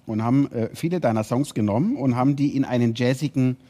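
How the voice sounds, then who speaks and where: A man hosting a casual podcast conversation in a lively, joking way. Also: medium pitch, fast. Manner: lively, joking, laughs often. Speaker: podcast host.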